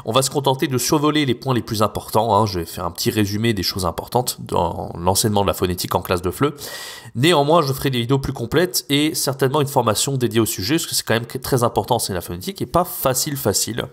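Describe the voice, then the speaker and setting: A man's voice: medium pitch, lively intonation, quick pace. A young man from France hosting an educational podcast, talking casually with many fillers and self-corrections. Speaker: podcast host, French teacher.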